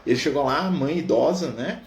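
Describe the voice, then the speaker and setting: A man leading a Spiritist study, telling a story in an animated way and tagging almost every phrase with a questioning "right?". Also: on the high side, brisk. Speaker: Spiritist study group leader. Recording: echoey room with faint noise.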